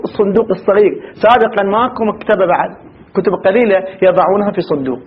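A man with an Iraqi accent teaching a seminary grammar lesson. He repeats terms slowly and asks the class questions. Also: high-pitched, husky, muffled recording. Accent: Iraqi Arabic.

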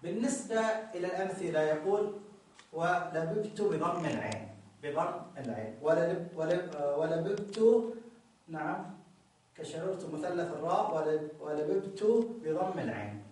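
A man's voice: fairly high pitch, animated, fairly quick, darkish tone, far from the mic. A male teacher explains a grammar text patiently, reading a line and then going over it again and again. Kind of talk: explaining Arabic morphology. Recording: very echoey room, voice from the mic.

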